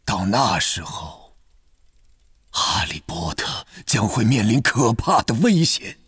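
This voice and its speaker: A man voicing a calm, gentle elderly headmaster wizard in an audiobook, soft and measured. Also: lowish voice, breathy edge, no room sound, studio quality, exaggerated voice. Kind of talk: audiobook character voice.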